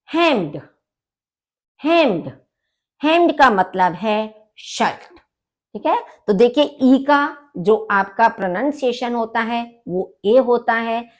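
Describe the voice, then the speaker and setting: A woman gives a vocabulary lesson at an unhurried pace. Her fairly high voice swings widely in pitch as she stresses and repeats each word. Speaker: language teacher.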